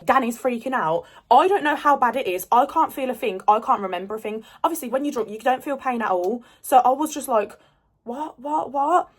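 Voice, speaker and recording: A woman's voice: a little high, lively intonation, a little fast, hardly any pauses. A woman telling a rambling storytime vlog in casual chat, swearing freely. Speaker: storyteller vlogger.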